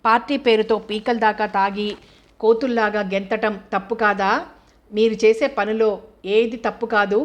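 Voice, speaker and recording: A woman's voice: mid-range voice, little pitch movement, moderate pace, dull audio, close to an everyday voice. A woman voicing an angry, hurt young wife who accuses her husband with bitter sarcasm. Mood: bitter, reproachful.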